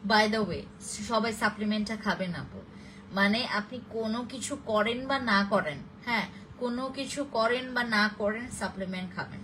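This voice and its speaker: A woman's voice: a little high, normal speed, fairly bright tone, a little hiss or hum, poor audio. A young woman with a Bangladeshi Bengali accent, chatting casually on a live stream for a skin-care brand and answering viewer comments. She rambles, with many fillers and restarts.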